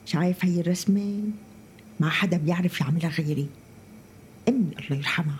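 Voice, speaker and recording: A woman's voice: low voice, darkish tone, slight background noise. A woman with a Syrian accent playing a lonely, talkative elderly mother in a drama. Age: older. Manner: talkative, tender, emotional. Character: lonely elderly mother, warm, chatty, wistful. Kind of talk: scripted drama acting.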